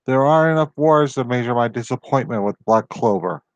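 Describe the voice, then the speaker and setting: A man hosts his own channel with casual solo commentary, drifting off on rambling tangents and venting exasperated complaints. His mid-range voice moves briskly, and the recording is dry and dull. Japanese is not his first language.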